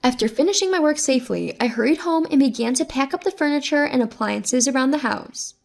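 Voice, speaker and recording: A woman reading a first-person story aloud in a steady, even narration. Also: high voice, a little fast, creaky.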